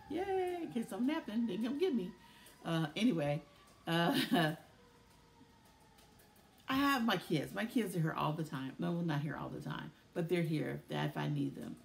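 A middle-aged woman talking in a casual video diary, weary and emotional, speaking haltingly with many pauses. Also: fairly low pitch, lively intonation, creaky. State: tired and tearful. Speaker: vlogger.

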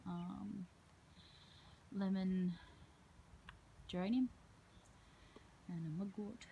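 A woman's voice: mid-range voice, steady tone, extremely slow, creaky, dull audio, a little hiss or hum. A woman, a herbalist giving a casual tour of her outdoor garden, talking into a handheld phone in a rambling way with frequent ums.

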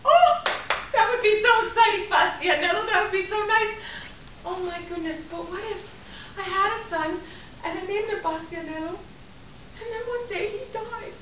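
A woman's voice: very high voice, normal speed, voice pushed up. A woman voicing a dreamy young bride who bursts into dramatic sobbing. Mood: dreamy to wailing. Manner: wails and sobs dramatically. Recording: echoey room, distant mic, faint noise.

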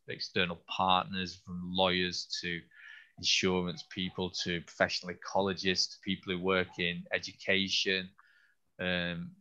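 A scientist hosting an online Q&A, answering questions haltingly with many restarts while losing his voice a little. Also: deep voice, pushed and bright, muffled recording. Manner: halting, with frequent restarts and fillers. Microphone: video call.

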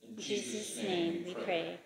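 A woman reading responsive liturgy and a prayer in church, in a steady, measured way. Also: on the low side, vocal fry, over a noisy crowd. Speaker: liturgy reader. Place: church sanctuary, indoors. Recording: reverberant church hall.

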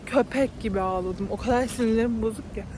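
A university student in her twenties vents animatedly in a casual vlog, her voice a little high and her pace fast. She films on a phone held at arm's length while outdoors on windy campus streets, with noise in the background.

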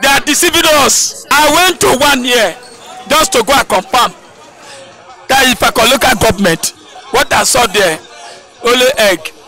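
A man's voice: very high voice, moderate pace, long pauses, a faint crowd. A middle-aged Nigerian man giving an impassioned street interview, gesturing and raising his voice outdoors on a busy road. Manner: heated, gesturing, rising to shouts. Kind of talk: vox pop street interview. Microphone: handheld mic held by interviewer.

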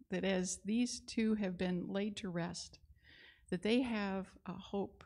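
A woman's voice: on the low side, creaky, darkish tone. An older woman leading a spoken prayer in a church service, talking earnestly and steadily into a handheld microphone on a large indoor platform. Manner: earnest, measured praying.

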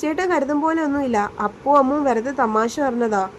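A woman's voice: high-pitched, normal speed, a little hiss or hum, natural voice. A woman reading a storybook voice of a timid young female college student who talks in a hesitant, faltering, pleading way.

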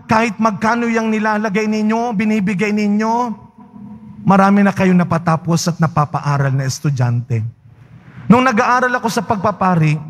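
Man, priest, homily, fairly high voice, conversational, asks questions, church. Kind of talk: homily at Mass. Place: large church.

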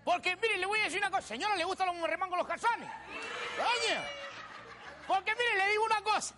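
A man's voice: very high voice, fairly quick, crowd noise. A man playing a cheeky old rustic countryman with a Canarian accent, telling brash, crude stories on a TV stage. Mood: boisterous. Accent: Canarian Spanish. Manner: brash, shouting punchlines, swearing freely. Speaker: stand-up comedian. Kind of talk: character stand-up monologue. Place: TV studio stage before a live audience.

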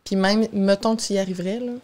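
In a small indoor radio studio, a young guest nutritionist with a Québécois French accent talks fast and explains things in a relaxed interview style. Her medium-pitched voice has a darkish tone and stays steady, picked up by a boom-arm studio mic while she wears headphones.

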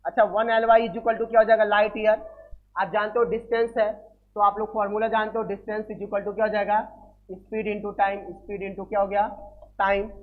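High-voiced man lecturing on physics. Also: level tone, moderate pace. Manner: addresses students as beta, repeats key values and asks quiz questions. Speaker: physics teacher. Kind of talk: classroom lecture. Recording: tinny phone-like sound.

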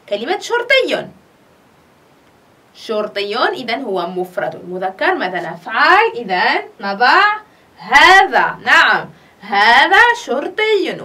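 Woman teacher for a children's grammar lesson, high and animated, with a bright voice. Asks and answers her own questions, recorded from a distance. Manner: slow, drawn-out dictation of example sentences. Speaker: primary school Arabic teacher.

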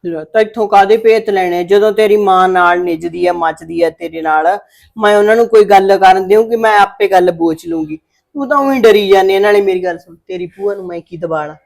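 A woman's voice: mid-range voice, brisk, creaky, lightly acted. A woman playing a worried, scheming village mother who scolds and coaxes her daughter in a family drama. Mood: reassuring, scornful. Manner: fretful, scolding, loud when calling out. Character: scheming middle-aged village mother, worried and sharp-tongued.

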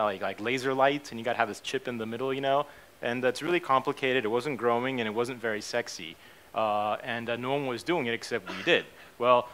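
A man's voice: medium pitch, pushed and bright. A man, giving a casual conference talk on stage, full of fillers and "okay?" and "right?" checks. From born in Japan, raised in the United States. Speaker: keynote speaker, company CEO. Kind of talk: conference presentation. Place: conference stage in a hotel hall.

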